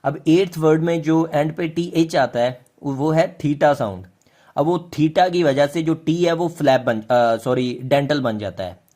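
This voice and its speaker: Male teacher with a Pakistani Urdu accent, mid-pitched, explanatory lesson with hesitant, questioning delivery. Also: darkish tone. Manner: rhetorical questions, many hesitations. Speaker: linguistics teacher.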